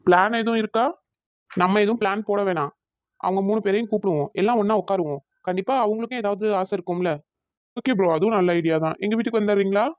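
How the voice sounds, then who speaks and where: A man's voice: high voice, quick pace, no room sound, dull audio, natural voice. A man playing an easygoing young man in a cartoon, chatting casually with friends. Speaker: friend planning an outing. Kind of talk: cartoon voice acting.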